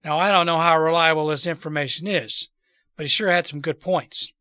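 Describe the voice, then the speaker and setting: A man voicing an earnest, deliberate revolutionary plotter in a storybook read aloud. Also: on the high side, steady tone, pushed and bright, no echo, studio quality. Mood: earnest, explaining. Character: earnest male revolutionary plotter persuading wary allies.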